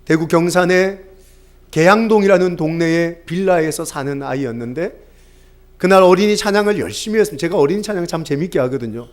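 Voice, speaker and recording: High-voiced man preaching an impassioned sermon. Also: expressive, brisk. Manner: impassioned, swelling into fervent exhortation; storytelling, acting out quoted dialogue.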